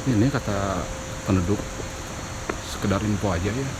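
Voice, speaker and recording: A man's voice: on the low side, moderate pace. A man giving casual commentary as host of an outdoor night exploration vlog. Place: outdoors on a steep forest trail at night. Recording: very noisy outdoor night recording. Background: loud crickets and night insects.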